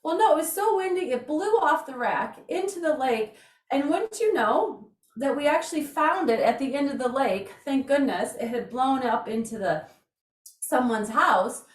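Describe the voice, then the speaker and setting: A woman's voice: sits high, lively intonation, moderate pace. A woman leading an exercise class as instructor, giving informal, encouraging cues with casual chat and counting. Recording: roomy echo, distant microphone.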